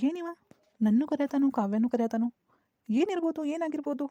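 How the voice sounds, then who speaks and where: A woman's voice: high voice, expressive, brisk, mellow, no echo. A woman with a North Karnataka Kannada accent voicing a hesitant, lovestruck young coworker in a cartoon comedy. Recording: dull lo-fi dry recording.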